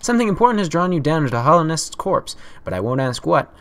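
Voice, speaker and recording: A sly old snail shaman, as a man puts him on, chuckling his way through polite offers of help. His voice is bright and rises and falls freely as he talks to a friend of the game. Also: fairly high pitch, very animated, quick pace, pitched above the performer's own voice. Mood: sly, kindly.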